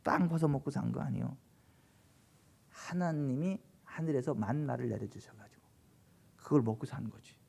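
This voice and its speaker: A male pastor preaching a sermon, emphatic and full of rhetorical questions, swinging between loud exhortation and hushed low passages. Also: moderate pace, gravelly, long pauses, slightly rough. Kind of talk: Korean sermon at a Friday late-night service.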